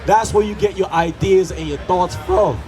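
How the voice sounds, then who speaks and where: A man from Jamaica preaches on a city street in a fairly high voice, lecturing and firing questions, often raising it to a shout. Music and a loud crowd carry on around him outdoors. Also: moderate pace.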